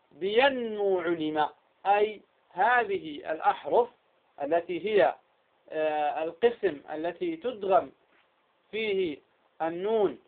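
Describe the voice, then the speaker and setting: Male recitation teacher with a high voice, drilling students with his own questions and answers, over a thin phone-like line. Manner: keeps asking quiz questions and answering them himself. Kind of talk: tajweed lesson.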